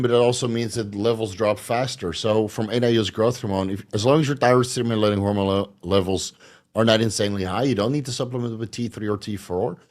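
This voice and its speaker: A man hosting a casual livestream, reading out viewer questions and explaining his answers at length with frequent fillers. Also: on the low side. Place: at home.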